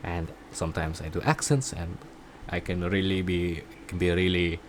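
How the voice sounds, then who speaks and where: A man chatting casually in a video diary about his voice acting classes, rambling and halting, often poking fun at himself. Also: low voice, level tone, a little hiss or hum. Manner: self-deprecating. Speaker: voice acting student vlogger.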